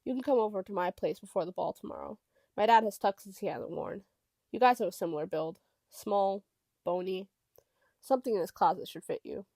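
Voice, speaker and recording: A woman voicing a caring teenage boy in an audiobook, speaking softly and kindly. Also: mid-range voice, brisk, dry recording, lightly acted. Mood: friendly. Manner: soft, gentle advice. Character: teenage boy, laid-back, caring friend.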